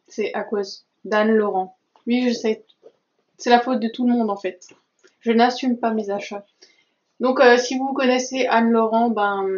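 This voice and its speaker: A woman's voice: on the high side, dull audio. A woman vlogger chatting casually through a craft haul, enthusiastic and gushing, with many hesitations and little asides. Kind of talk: casual chatty vlog talk.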